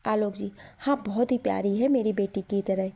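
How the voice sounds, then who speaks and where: A sentimental middle-aged father, read by a woman storyteller, speaks tenderly about his daughter. The voice is mellow and soft, like a family audio story. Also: medium pitch, moderate pace, creaky. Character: emotional father of the bride, middle-aged man.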